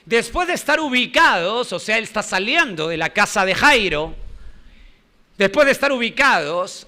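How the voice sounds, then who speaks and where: A man's voice: high voice, bright, forceful tone. A male pastor preaching a sermon, emphatic, repeating key phrases and quizzing the congregation.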